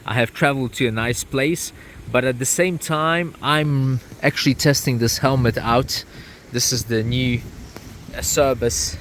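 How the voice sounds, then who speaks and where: A man giving a casual product review to camera outdoors, speaking haltingly in short phrases. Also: medium pitch, steady tone, a bit bright. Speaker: vlogger reviewing motorcycle gear. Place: outdoors by a creek. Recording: outdoor ambient noise behind voice.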